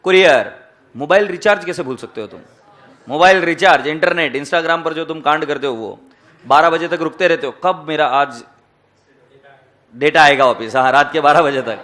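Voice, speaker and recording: A man teaching accounting to a classroom in a high voice. He jokes with the students and asks them question after question. He slips English phrases into his Hindi. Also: moderate pace, a bit bright. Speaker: accounting lecturer. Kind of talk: classroom lecture.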